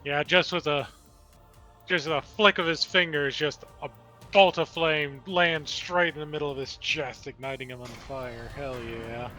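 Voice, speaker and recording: A man's voice: fairly high pitch, fairly even intonation, unhurried, pushed and bright, soft background music. A man playing a tabletop game in casual chat, laid-back and laughing often. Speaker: player.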